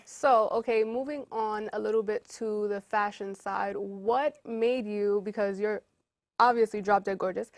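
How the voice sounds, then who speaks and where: Woman host, encouraging interviewer, middle pitch, dry recording. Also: fairly even intonation, no room sound. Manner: upbeat, encouraging, quick follow-up questions. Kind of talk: casual interview.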